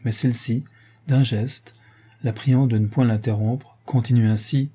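A man narrating an old novel aloud in a measured, literary way. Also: medium pitch, steady tone, dark tone, breathy edge. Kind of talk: reading a 19th-century novel aloud.

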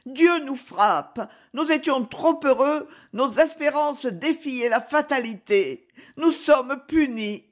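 Woman doing a weepy noblewoman, high pleading voice, slow and swooping. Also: lively intonation. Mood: anguished. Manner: pleading, tearful. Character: grieving young noblewoman, tearful and dramatic.

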